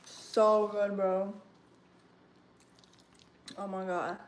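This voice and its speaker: A young woman chatting casually on a kitchen livestream, full of fillers and savoring her food out loud. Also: medium pitch, flat delivery, drawn-out words, a little hiss or hum. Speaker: livestream host. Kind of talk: casual livestream cooking chat. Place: home kitchen.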